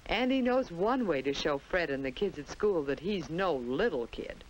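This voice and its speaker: On the soundtrack of an old 1950s instructional film, an American woman tells a simple story aimed at young children. She speaks in a low, animated voice at a normal speed. There's a little hiss or hum, and the recording is rough.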